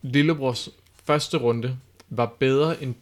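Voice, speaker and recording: A man's voice: medium pitch, steady tone. A man co-hosting a podcast, talking casually and explaining his reasoning step by step. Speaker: podcast co-host and battle judge.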